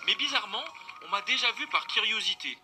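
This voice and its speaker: High, animated young man hosting a quiz. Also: brisk, over music. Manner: playful, teasing, talks to viewers as buddies. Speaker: quiz host and streamer. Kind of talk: casual anime quiz hosting.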